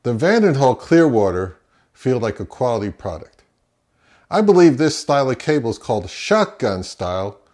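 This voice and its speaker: Talking straight to camera, a middle-aged man who runs an audio gear channel chats through a product review. He's about 50 to early 60s, with a medium-pitched, slightly mellow voice.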